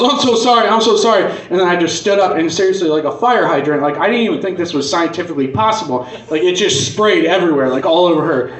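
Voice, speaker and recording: A man's voice: fairly high pitch, fairly bright tone. A man performing stand-up comedy as a profane, conversational and punchy rant. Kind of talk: stand-up comedy monologue, crude casual rant. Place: live comedy venue on stage. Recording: echoey club room, distant dull mic.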